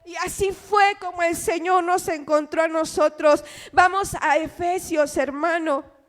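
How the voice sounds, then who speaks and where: Woman preacher, impassioned church sermon, very high voice, slow measured delivery. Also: steady tone. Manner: impassioned, keeps addressing the congregation as "hermano"; asks the listeners rhetorical questions.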